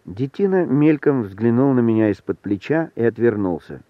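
A man's voice: mid-range voice, lively intonation, moderate pace, no echo. Man narrating a story over a thin line. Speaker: audiobook reader. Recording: thin phone-like sound, dry.

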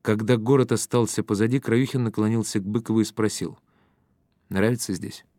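A man narrates a novel in a low, steady voice with a measured pace. The recording is close and dry, with no room sound at all. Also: no echo. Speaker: audiobook narrator. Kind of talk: scripted narration.

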